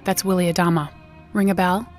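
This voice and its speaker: A woman's voice: on the low side, little pitch movement, brisk, darkish tone. A woman reading a scripted comic television recap in a flippant, slangy manner. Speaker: recap narrator. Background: music bed.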